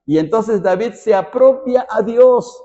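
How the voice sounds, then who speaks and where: A man's voice: sits high, expressive, unhurried, mellow, dull audio. A man preaching a Bible study sermon as pastor, asking the congregation rhetorical questions.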